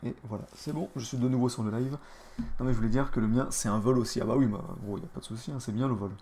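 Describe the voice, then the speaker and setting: A man's voice: mid-range voice, steady tone, quick pace, dark tone. A man streaming a board game online, casually commenting and mocking the other players with crude trash talk, often muttering under his breath.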